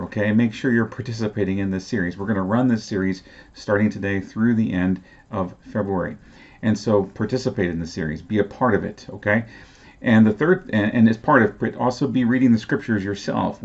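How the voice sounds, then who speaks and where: A man with a somewhat low voice preaches earnestly to his congregation, appealing to them directly and often restarting his phrases. The recording sounds dull and a little lo-fi. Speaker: senior pastor. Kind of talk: sermon.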